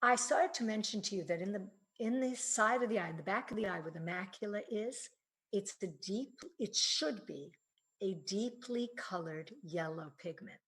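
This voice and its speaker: Woman presenter, mid pitch, earnest and explanatory, trips over words and restarts. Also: moderate pace, fairly bright tone, low-quality recording. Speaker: health presenter. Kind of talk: presentation on eye supplements.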